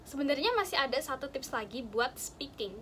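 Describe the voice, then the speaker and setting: A young woman with a high, animated voice talks briskly to a friend about study tips, keeping it casual and chatty with lots of fillers and examples. The recording is very noisy.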